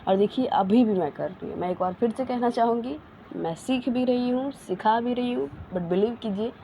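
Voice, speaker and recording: A woman with an Indian accent teaching spoken English in a casual lesson, mixing chatty asides with slowly drawn-out example sentences. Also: a little high, warm tone, slight background noise, low-quality recording.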